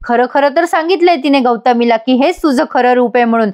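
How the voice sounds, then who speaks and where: A woman's voice: high-pitched, brisk, a little mellow. A woman giving a voice-over recap of a TV serial episode, chatty and emphatic, addressing viewers directly. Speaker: TV serial reviewer.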